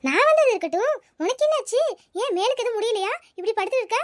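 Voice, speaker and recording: Cartoon schoolgirl friend, very high and quick, coaxing and lecturing, voiced by a woman. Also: expressive, dry recording, studio quality. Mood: concerned. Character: caring, talkative village schoolgirl friend. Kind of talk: cartoon voice acting.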